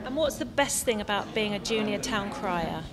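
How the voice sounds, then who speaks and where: A woman's voice: mid-range voice, lively intonation, normal speed. A woman interviewing people casually at an event, asking short, simple questions. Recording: crowd chatter outdoors. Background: crowd at an outdoor event.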